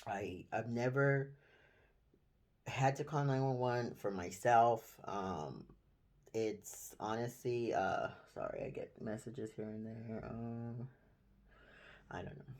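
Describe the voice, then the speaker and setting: A man in a casual personal vlog, telling his own story in a halting, rambling way with many restarts, recorded on a phone indoors. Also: medium pitch, darkish tone. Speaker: vlogger. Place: indoor room.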